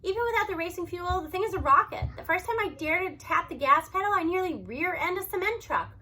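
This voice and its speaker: Talking fast in an extremely high voice, a woman gives an expressive first-person reading of a story. Her delivery is animated, with emphatic stresses throughout.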